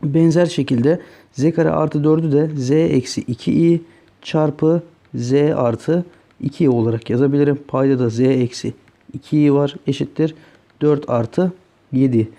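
A man's voice: a little high, moderate pace, vocal fry, mellow. A man teaching math, working through exam problems step by step and often checking in with the students. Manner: talks through each step, asking "öyle değil mi arkadaşlar". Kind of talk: solving exam questions on a board.

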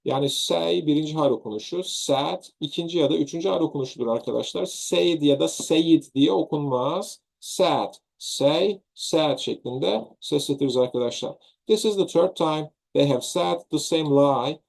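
A man's voice: fairly high pitch, normal speed, creaky, few pauses, darkish tone. A man with a Turkish accent teaching English grammar in an online lesson, patiently repeating and rephrasing example sentences.

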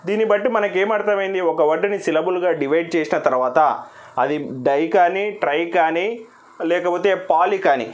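A man from Andhra Pradesh teaching an English lesson in a patient, step-by-step way, saying each example word slowly several times. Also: high-pitched. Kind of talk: recorded classroom lesson.

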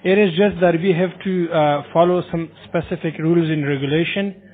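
A young man with a fairly high voice speaks over a muffled, phone-like line. He is a call center agent delivering semi-scripted lines, courteous yet persistent, circling back to the same points. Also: steady tone, fairly quick, breathy edge. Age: young adult. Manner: polite, insistent, repetitive. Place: small indoor office. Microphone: headset microphone. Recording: muffled narrow-band phone-like sound.

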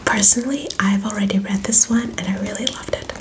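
A young woman in a whispered role-play as a friendly, helpful librarian, speaking in a soft library whisper. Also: medium pitch, fairly quick, background noise. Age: young adult. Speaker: ASMR performer playing a librarian. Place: small indoor room with bookshelves.

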